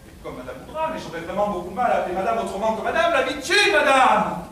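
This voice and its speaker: A man's voice: high-pitched, lively intonation, quick pace, sharp tone. A man playing a fussy, obliging chauffeur with formal, earnest manners, in theatrical stage comedy style. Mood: deferential. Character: fussy, obliging male chauffeur obsessed with his car, muddled actor. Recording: distant, very echoey, slightly noisy stage recording.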